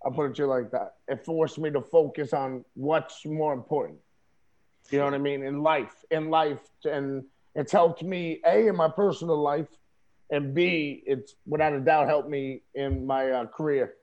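A man's voice: on the high side, fairly even intonation, moderate pace, a little mellow, dull audio. A man talking casually over a video call in a streetwise, emphatic way, often asking "you know what I mean?". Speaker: interview guest, wrestler.

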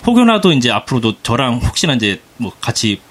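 Husky-voiced man rambling in casual chat. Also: medium pitch, very animated, fairly quick. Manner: rambling with frequent fillers and restarts. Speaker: podcast panelist.

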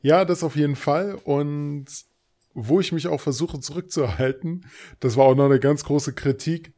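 A man with a Berlin accent in casual podcast chat, stopping often with hesitant filler pauses. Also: fairly high pitch, dark tone. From Berlin, Germany. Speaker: podcast co-host. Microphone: new microphone over a video call.

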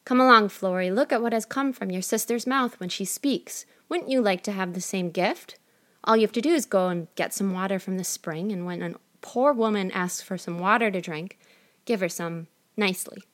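Bossy greedy mother, shrill and loud, pitched up; woman reader puts her on. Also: normal speed, close to an everyday voice. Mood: coaxing. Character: scolding, greedy middle-aged mother.

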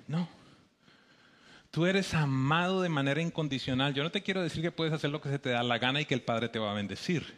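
A man with a Bogotá Colombian accent giving an animated sermon, acting out quoted voices with emphatic rises. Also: on the high side. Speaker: preacher.

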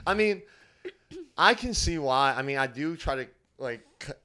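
A man's voice: medium pitch, lively intonation, moderate pace, sharp tone, clean tone. A man co-hosting a podcast, telling stories playfully in a casual chat and laughing often. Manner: playful, storytelling, laughs a lot. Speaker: podcast co-host.

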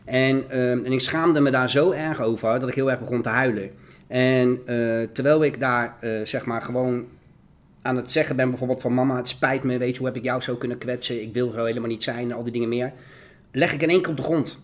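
Fast-talking earnest Dutch man. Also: medium pitch, fairly even intonation. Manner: earnest, fervent, fast and repetitive. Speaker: guest. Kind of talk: emotional testimony in an interview.

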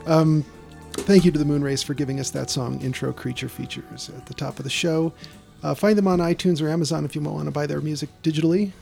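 A man with a slightly high, creaky voice hosts a podcast in casual chat. Faint music can sit behind him. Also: steady tone, fast talker, darkish tone. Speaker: podcast host. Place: small garden shed.

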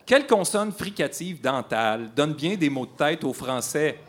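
A man's voice: fairly high pitch, big pitch swings, normal speed. A man with a Quebec French accent hosting a playful quiz on air, teasing and laughing between questions. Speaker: radio quiz host.

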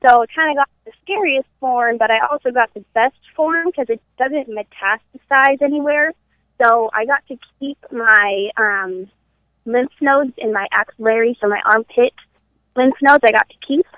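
A woman's voice: a little high, moderate pace, no echo. A woman in her twenties speaking as a podcast guest over a conference call phone line, upbeat and candid. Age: 20s. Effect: heard over a conference call phone line. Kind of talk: casual interview talk. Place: at her parents' house. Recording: tinny phone line, dry.

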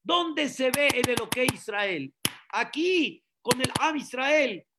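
A rabbi preaching a sermon, repeating phrases and asking the listeners questions. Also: male voice, extremely high pitch, animated, slow, background noise. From Mexico. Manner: preaching with repetitions and rhetorical questions.

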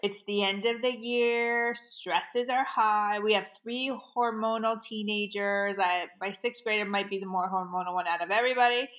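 Bright, lively woman, forties, casual podcast co-host telling stories. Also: mid-range voice, normal speed, few pauses. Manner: animated storyteller, laughs often. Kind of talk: casual chat.

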